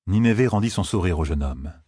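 Very deep, husky male narrator, measured audiobook reading, dry close sound. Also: animated, dark tone, dry recording.

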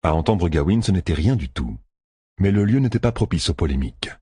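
A man narrating an audiobook with steady storytelling. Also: deep voice, a little fast, breathy edge, no room sound, clean studio sound.

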